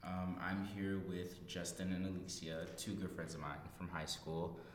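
A nineteen-year-old guy hosts a podcast, joking around and poking fun at himself in a relaxed chat. His voice is low and level, moving at a moderate pace. The podcast mic picks up an echoey study room with reverb and some background noise.

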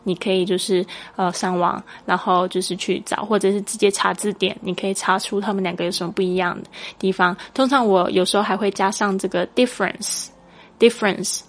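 A woman hosting a podcast English lesson. She explains patiently and spells English words out slowly, letter by letter. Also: mid-range voice. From Taiwan. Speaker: English teacher and podcast host.

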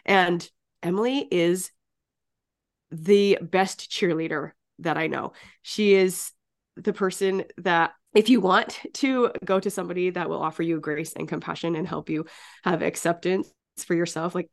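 A woman hosting a faith podcast with a slightly low, gravelly voice, roughened by a cold. She talks in a chatty, upbeat way and laughs easily. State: has a cold. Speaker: podcast host. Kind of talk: casual podcast chat.

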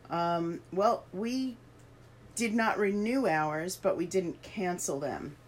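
A woman's voice: fairly low pitch, slow pace. A woman co-hosting a podcast, reading an article aloud and adding her own casual remarks, with the hiccups. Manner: reads aloud and adds asides, with fillers. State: has the hiccups. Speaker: podcast co-host reading news.

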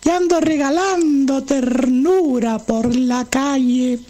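A man voicing a sweet childish boy, speaking softly and slowly. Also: very high voice.

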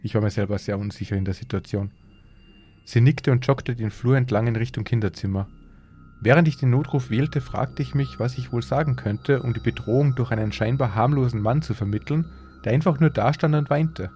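A man hosting a podcast, reading a horror story aloud in a measured, suspenseful way. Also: medium pitch, dark tone, slight background noise. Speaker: podcast host and story reader.

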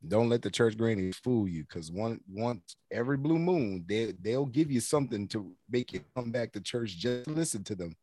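A man in casual group banter, joking in a slow, drawn-out way. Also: on the low side, lively intonation, mellow, dry recording.

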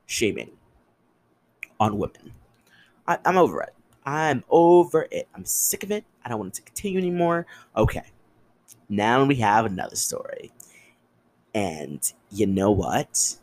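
A young man hosts his podcast alone and tells stories in a loose, animated chat. His voice sits low and a bit husky, and it leaps high whenever he makes a point. He swears freely and talks like he is gossiping with friends. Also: low-quality recording. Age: young adult. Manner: animated, swearing, jumps in pitch for emphasis. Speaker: podcast host. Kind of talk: casual solo podcast chat.

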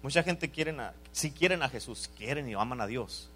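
A man preaching a sermon as pastor, swinging from loud calls to quiet asides and punctuating his points with "amén". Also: mid-range voice, animated, moderate pace, a little hiss or hum. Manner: repeated "amén" calls to the congregation.

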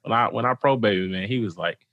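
An American man hosting a podcast, chatting casually in a slangy, informal way with animated reactions. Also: fairly low pitch, fast, no room sound, phone-quality sound. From St. Louis area, United States. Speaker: podcast host. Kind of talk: casual chat.

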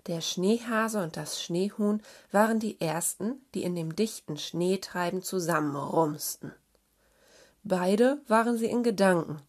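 A woman reading a children's story aloud in a gentle, expressive way. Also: medium pitch.

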